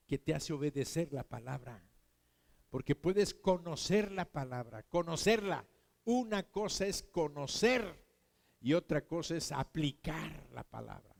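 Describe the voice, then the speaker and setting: A Mexican-accented male preacher delivers his sermon slowly and deliberately. His voice sits very high, and he presses his points home by repeating them earnestly. It rings out with a long hall reverb. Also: gravelly, a bit bright. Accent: Mexican Spanish. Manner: earnest, emphatic, repetitive.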